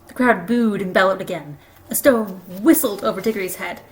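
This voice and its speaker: A woman reading a children's novel aloud, expressive and lively. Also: mid-range voice, a little fast, poor audio. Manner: expressive, does voices for characters. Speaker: storybook reader.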